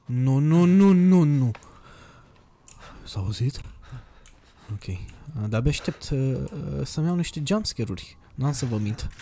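A man's voice: mid-range voice, a little hiss or hum. A young man playing a horror game on a desk microphone, commenting casually, swearing and yelping when startled. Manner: jumpy, swears a lot, yelps and shouts when scared. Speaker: gaming streamer. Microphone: desk USB microphone.

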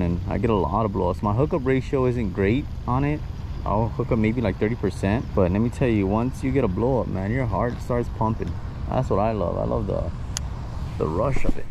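A man casually explaining his fishing technique step by step to viewers while on a lake shore. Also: fairly low pitch. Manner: chatty, explains step by step, addresses viewers as guys. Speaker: fishing vlogger. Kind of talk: casual instructional talk to camera. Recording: outdoor recording with clear background noise.

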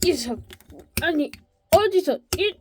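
A woman voicing every character in a comic cartoon, switching between them and breaking into shouts and mock crying. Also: very high-pitched, animated, a little slow, background noise.

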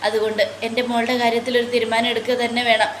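A woman voicing a gravely ill young mother who pleads earnestly for her little daughter's future. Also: on the high side, level tone, fast, a bit bright, slight background noise, lightly acted. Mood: anguished. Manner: earnest, pleading retelling of dialogue. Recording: roomy echo.

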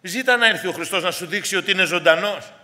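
Man preaching a sermon, earnest, fairly high voice, echo trailing in a big church hall. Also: bright, forceful tone. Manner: earnest, addresses congregation as dear brothers. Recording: long hall reverb.

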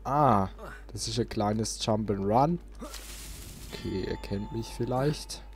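Slow and lowish, a man's voice carries this casual let's play, where the channel host thinks out loud and drops in playful interjections. Game music plays behind him, and he's recorded on a close desk mic.

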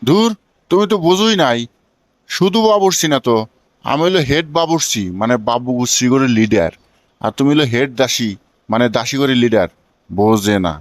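A man's voice: mid-range voice, expressive, brisk, no room sound, natural voice. A man playing a foolish, boastful, lovestruck young villager in a comic cartoon, emphatic and colloquial, with a Bangladeshi regional accent. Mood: defensive. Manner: emphatic, keeps checking he is understood.

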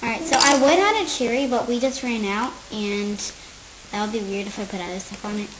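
Female home-video host, high voice, chatty and hesitant, noisy table-top camera sound. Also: a little fast. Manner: chatty, hesitant with frequent ums. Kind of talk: casual unscripted demonstration. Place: home, at a kitchen table indoors.

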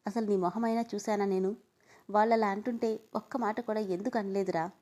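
Lady reading hurt young woman, fiery, keeps asking why, mellow voice. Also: mid-range voice, fairly even intonation, a little fast, natural voice. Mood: indignant. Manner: pleading, indignant questions.

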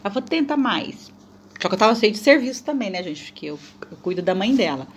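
A woman's voice: medium pitch, animated, very fast, slight background noise. A woman from Brazil with a Brazilian Portuguese accent, narrating her cooking video in a chatty, playful, self-mocking way and addressing viewers often. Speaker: cooking vlogger.

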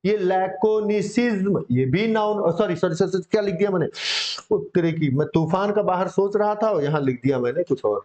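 A man's voice: high-pitched, lively intonation, brisk, a little mellow. A male English vocabulary teacher, drilling words with students in a casual, encouraging coaching-class manner. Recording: dull lo-fi sound.

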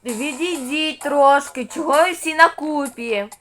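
Soft, slow female voice doing a game role-play. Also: sits high, a little hiss or hum. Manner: soft-spoken, switching between cashier, parent and child parts. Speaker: channel host playing all parts.

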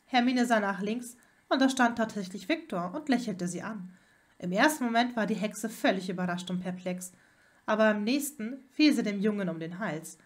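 A woman's voice: mid-range voice, moderate pace. A woman narrating a fan fiction story as an audiobook reader.

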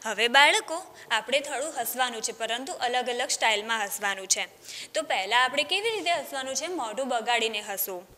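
A woman's voice: fairly high pitch, animated, a little fast, sharp tone, in a large hall. A woman teacher reading a story aloud to young children, stopping often to ask them questions. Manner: speaks directly to children, asking them questions.

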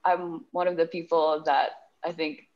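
A woman's voice: deep voice, steady tone, unhurried. A young woman with an Indonesian accent hosts an online event casually and chattily, talking through a face mask. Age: young adult. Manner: informal, code-switching chatty delivery. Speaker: host of an online workshop. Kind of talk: casual bilingual event hosting. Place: public area, on a video call. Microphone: video call, masked mouth. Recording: dull, muffled video call audio.

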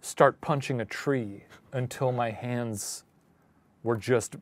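A man co-hosting a true-crime show, trading deadpan, absurd jokes with sudden shouted bursts. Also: mid-range voice, takes it slowly. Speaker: co-host. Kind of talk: joking true-crime banter.

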